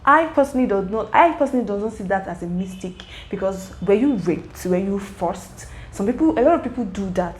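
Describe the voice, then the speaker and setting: A woman's voice: medium pitch, animated, brisk, hardly any pauses, slight background noise, low-quality recording. A young woman casually recapping a web series episode, talking straight to the characters. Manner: chatty, emotional asides to the characters.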